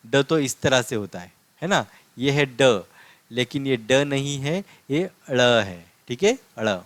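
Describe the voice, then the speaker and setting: A man's voice: medium pitch, lively intonation, a little slow, fairly bright tone, dry recording. A man teaching a language lesson, drilling letters and syllables one by one and explaining how to pronounce each.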